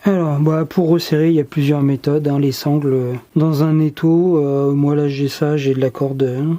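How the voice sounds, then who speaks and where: A DIY tutorial host explaining a workshop task step by step in a relaxed, casual way, pausing often with fillers. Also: mid-range voice. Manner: relaxed, hesitant, many filler pauses.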